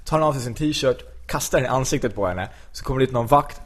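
A man retelling an anecdote in relaxed podcast chat. He talks animatedly, voice at a middling pitch, and breaks into laughs often. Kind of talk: casual chat.

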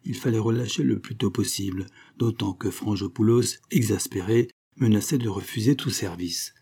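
A man narrating an adventure novel in a steady, even storytelling way. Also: fairly low pitch, normal speed, breathy edge. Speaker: audiobook narrator.

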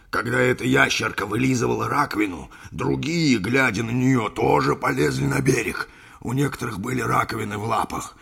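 A man's voice: mid-range voice, creaky, fairly bright tone, breathy edge, voice pushed up, full character voice. A man voicing an older, sentimental sea captain who rambles through a yarn in an audiobook. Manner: rambling folksy storytelling, addresses listener as brother. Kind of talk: audiobook character reading.

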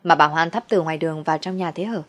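A woman's voice: sits low, fast talker. A woman doing a fierce young woman. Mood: chatty. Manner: pleading then defiant outbursts.

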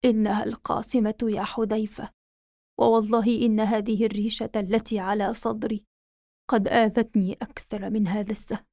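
A woman's voice: on the high side, normal speed, close to an everyday voice. A woman voicing a dying male army commander who speaks faintly and solemnly, full of regret. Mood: faint regretful. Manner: faint, weak, solemn last words.

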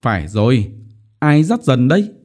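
A man's voice: mid-range voice, sing-song, normal speed, a little mellow, voice pushed up. A man voicing a jovial middle-aged clerk in a storybook who quizzes a child in a teasing way.

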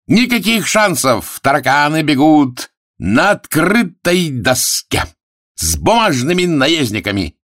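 A man's voice: medium pitch, a bit bright, dry recording, studio quality, pitched above the performer's own voice. A man voicing a showy male barker who announces cockroach races with grand cries in several languages. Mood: indignant.

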